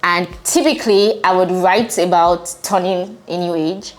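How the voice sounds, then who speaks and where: A woman's voice: on the low side, steady tone, unhurried. A woman in her twenties, hungover, talking casually and reflectively to viewers as a vlogger. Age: 20s. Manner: informal, reflective, conversational. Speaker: vlogger and channel host. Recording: music behind the voice. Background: music.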